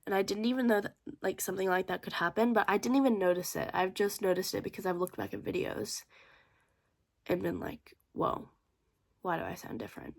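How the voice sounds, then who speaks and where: A woman's voice: medium pitch, steady tone, fairly quick, gravelly. A young Australian woman vlogging in a loose, rambling chat, her accent swinging between Australian and American. She sounds a little congested and fills her talk with "like", sometimes dropping into a whisper. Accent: mix of Australian and American. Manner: rambling, many "like" fillers, drops into whispers. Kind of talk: casual chat to camera.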